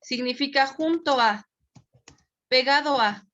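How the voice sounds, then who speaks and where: Taking it slowly, a woman with a high, slightly bright voice teaches Spanish grammar online. She is from Mexico, patient, and checks comprehension often; the recording sounds dull and lo-fi.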